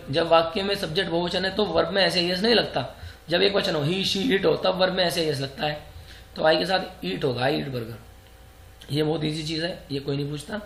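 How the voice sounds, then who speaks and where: A male grammar teacher with a fairly high, gravelly voice, recorded in an echoey room. He explains step by step for exam prep, asking rhetorical questions and answering them himself. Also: fairly bright tone. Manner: poses rhetorical questions and answers them, repeats example sentences.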